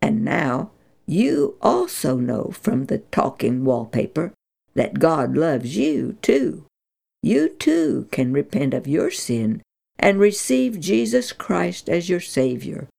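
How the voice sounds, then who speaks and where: Slow gravelly woman storyteller. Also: low-pitched. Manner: slow, expressive reading. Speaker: children's Bible storyteller. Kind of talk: scripted story narration.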